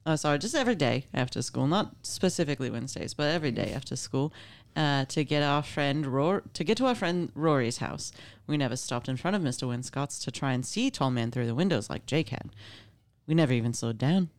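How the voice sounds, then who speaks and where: A woman's voice: extremely low pitch, expressive, brisk. A woman casually reading a scary story aloud, with playful, informal asides. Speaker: story reader.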